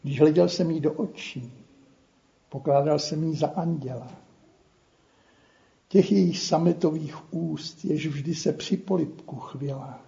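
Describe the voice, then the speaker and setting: A man recites poetry in a measured, tender way. His voice is gravelly and full of fry, fairly high for a man yet dark in tone. The recording is dull and lo-fi.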